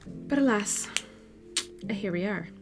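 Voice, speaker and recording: A woman's voice: mid-range voice, animated, slow pace, over music. Chatty young woman streamer. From Portugal. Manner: chatty, laughs easily, reads out and answers viewer messages. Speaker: art streamer. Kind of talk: casual live-stream chat while drawing.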